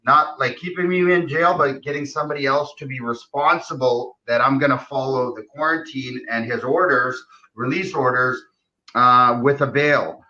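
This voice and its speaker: A man's voice: mid-range voice, moderate pace, bright, forceful tone. A middle-aged man telling his own story on a live stream, agitated and indignant, acting out what others said to him. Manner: agitated, indignant retelling with quoted dialogue. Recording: dull lo-fi stream audio.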